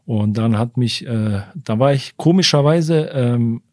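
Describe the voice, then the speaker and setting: A man's voice: medium pitch, unhurried, a little mellow, dry recording. A man, a retired goalkeeper, telling stories from his career as a guest in a casual studio interview, rambling with many fillers and restarts. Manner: retells conversations in direct quotes. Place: podcast recording studio.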